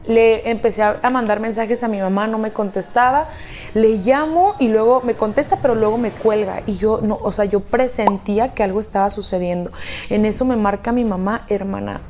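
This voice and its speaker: A woman's voice: medium pitch, moderate pace, darkish tone, a little hiss or hum. A woman with a Mexican accent telling a dramatic personal story in a confiding, sisterly way. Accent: Mexican Spanish. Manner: confiding, dramatic, addresses listener as "hermana". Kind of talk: storytime narration over slime video.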